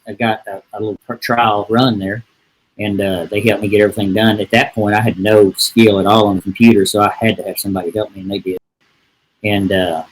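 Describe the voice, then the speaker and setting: Recorded with low quality, a middle-aged man with a lowish voice tells a story as a podcast guest. He works in real estate, and his casual storytelling is folksy and wandering, peppered with "and, uh" restarts.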